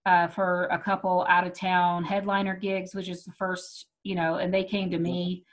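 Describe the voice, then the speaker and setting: A Texas comedian and comedy show producer with an American accent chats casually, hesitating as she thinks out loud. She speaks at a moderate pace in a lowish voice with little pitch movement.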